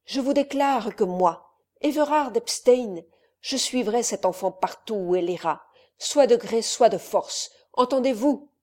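A woman's voice: a little high, unhurried, dark tone. A woman voicing a defiant young nobleman protecting his fiancée, speaking vehemently with a raised voice.

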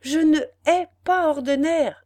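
A woman voicing a shy, joyful young noblewoman in a higher, excited voice in a storybook reading. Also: unhurried, no room sound.

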